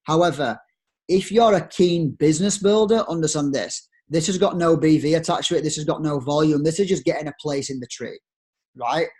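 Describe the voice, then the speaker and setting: Over a screen share, a young Yorkshireman with a broad accent delivers an upbeat, persuasive sales pitch to network marketers, full of rhetorical questions. His delivery is fairly quick, with a darkish tone.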